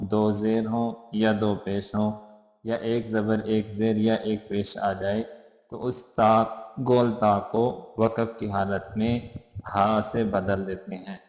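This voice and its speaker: A male Quran teacher giving a tajweed lesson, chanting each verse slowly and then briskly explaining how to pronounce it. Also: on the low side, a little mellow. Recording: roomy echo with long reverb.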